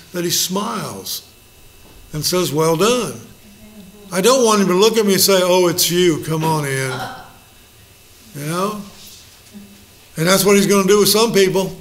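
A man's voice: sits high, moderate pace, fairly bright tone, a little hiss or hum. A middle-aged male pastor leading a Bible study, folksy and joking, acting out little quotes.

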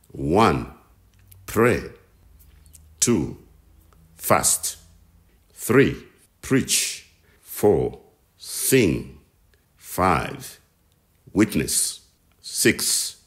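A man narrates a scripted Bible lesson as a voice-over. His voice sits very low, and he reads slowly and deliberately, pausing over each scripture reference. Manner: slow, measured reading with scripture citations. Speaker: narrator of Bible teaching series.

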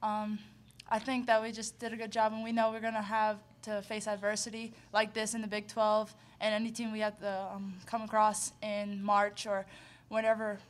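A young woman, a college basketball player, giving short, soft-spoken answers with fillers at a press conference. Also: medium pitch, monotone, normal speed. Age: young adult. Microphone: table mic on stand.

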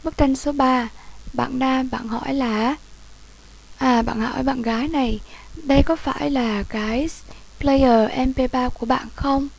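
Slow, high-voiced woman teacher. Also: fairly even intonation, gravelly, darkish tone, low-quality recording. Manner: reads English lines slowly, then explains in Vietnamese. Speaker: English teacher. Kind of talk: bilingual English lesson for children.

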